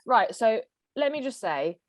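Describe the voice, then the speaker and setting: A woman co-hosts a podcast, bluntly reading out messages in a casual chat, laughing often and swearing. She is half Greek and half English, with Greek as her first language. Her fairly high, sing-song voice moves at a measured pace, recorded at studio quality with no echo.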